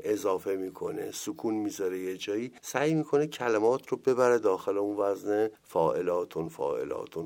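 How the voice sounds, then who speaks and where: Low, gravelly man, a poetry teacher who moves between chatty explanation and slow recitation. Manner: explains in plain talk, recites verse slowly. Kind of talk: lecture with verse recitation.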